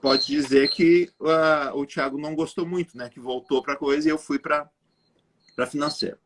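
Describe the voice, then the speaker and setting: A man, a guest telling an animated story straight to the viewers of a live chat. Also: fairly high pitch, moderate pace, background noise. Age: 40s. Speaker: guest entrepreneur.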